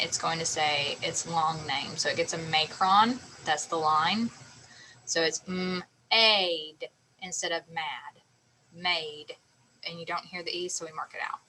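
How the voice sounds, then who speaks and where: A woman's voice: fairly low pitch, sharp tone, slight background noise, low-quality recording. A woman teacher explaining a phonics lesson patiently, sounding out letters and syllables step by step.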